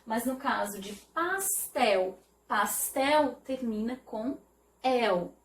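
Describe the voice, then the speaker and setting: A woman teacher giving an online video lesson, explaining slowly and carefully and often checking in with "né?". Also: a little high, animated, slight background noise. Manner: slow, careful explanation with repeated "né?". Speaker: Portuguese teacher. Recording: echoey room, voice from a distance.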